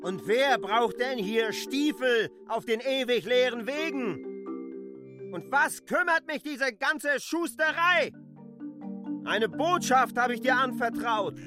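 An actor playing K., a stubborn adult land surveyor who reproaches a messenger in a radio drama. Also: male voice, very high voice, lively intonation, slow, music in the background, heavily acted. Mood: exasperated. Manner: insistent, exasperated, reproachful. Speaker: lead character in a radio play.

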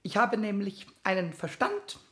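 A woman voicing a mischievous, boastful little male goblin in a radio play, with a high squeaky voice that stammers when caught out. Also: very animated, measured pace, fairly bright tone, reverberant.

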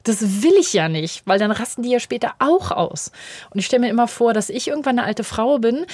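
Animated woman explaining parenting. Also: a little high, brisk, slightly rough, no room sound. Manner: animated, acts out quoted voices of children and parents. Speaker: parenting expert guest. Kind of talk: conversational interview.

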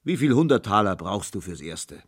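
A man voicing a giant, menacing forest spirit who talks loud and booming in a storybook reading. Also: big pitch swings, moderate pace, husky. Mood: coaxing. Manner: loud, booming, coaxing then threatening.

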